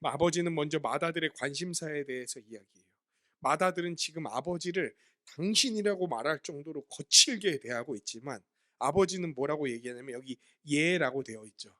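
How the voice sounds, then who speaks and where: A man's voice: on the high side, expressive, a little fast, pushed and bright. A man preaching a sermon as pastor, asking his listeners questions and answering them himself while explaining words from the Greek Bible.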